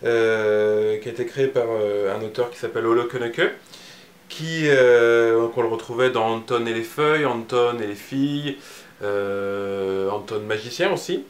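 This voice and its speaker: A man's voice: mid-range voice, a little slow, echoey room. A man presenting and reading a picture book aloud, casual and hesitant with many fillers.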